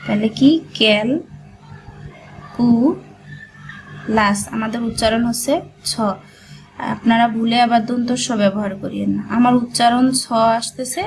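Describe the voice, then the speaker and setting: A woman's voice: a little high, level tone, a little slow, gravelly, long pauses, over music, low-quality recording. A woman teaching a shorthand class, breaking words into syllables and repeating them patiently. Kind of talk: slow step-by-step dictation lesson.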